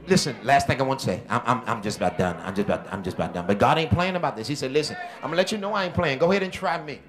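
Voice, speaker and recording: A man preaching a sermon as senior pastor, with call-and-response shouting bursts and quieter stretches. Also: mid-range voice, racing, crowd noise. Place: church.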